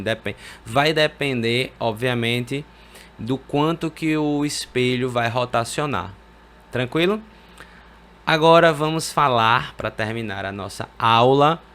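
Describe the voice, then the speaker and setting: A man from Brazil teaching a physics lesson in a relaxed, conversational way, often pausing to check in with short rhetorical questions as he draws. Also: mid-range voice. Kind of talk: casual explanatory lesson at a whiteboard.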